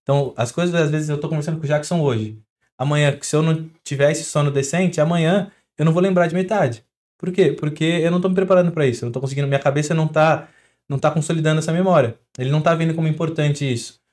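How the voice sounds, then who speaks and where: As a guest doctor on a podcast, a young man with a Brazilian Portuguese accent talks in a quick, chatty manner, using everyday examples to explain. His pitch sits a little high, and his tone is darkish.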